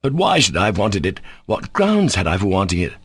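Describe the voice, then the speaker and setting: A man doing a furious, shouting young nobleman. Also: low voice, huge pitch swings, fairly quick, breathy edge, dry recording, exaggerated voice. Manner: shouting, peremptory.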